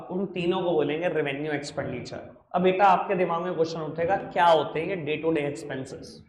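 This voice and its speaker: High pitched guy teaching accounts, teasing and coaxing his students, echoey classroom, bit of background hum. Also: darkish tone. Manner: playful, coaxing, calls students affectionate nicknames. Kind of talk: classroom lecture. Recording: echoey room with faint noise.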